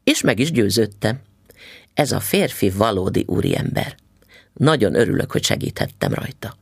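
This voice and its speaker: A sharp-tongued, suspicious mother, put on by a male reader, speaks in curt, indignant bursts. Her voice is husky with a gravelly rasp. The recording is dry and close. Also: fairly low pitch, wildly swooping pitch, dry recording, heavily acted. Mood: satisfied. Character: stern, suspicious middle-aged mother, snappish. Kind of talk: audiobook reading.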